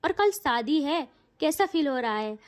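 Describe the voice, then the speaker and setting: A woman's voice: high-pitched, expressive, a little slow, pitched below the performer's own voice. A woman voicing a sly, teasing young woman in a spoken audio story.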